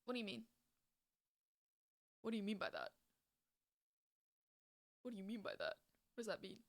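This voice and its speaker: A woman's voice: medium pitch, wildly swooping pitch, normal speed. A young woman streamer chatting casually and emotionally with her live chat, reading messages aloud and gushing. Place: home streaming setup with music playing.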